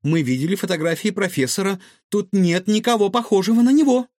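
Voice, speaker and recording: A man's voice: sits high, fairly quick, darkish tone, no echo, clean studio sound, pitched above the performer's own voice, lightly acted. A man voicing an earnest, brave young girl in a storybook reading. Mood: insistent. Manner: urgent, earnest.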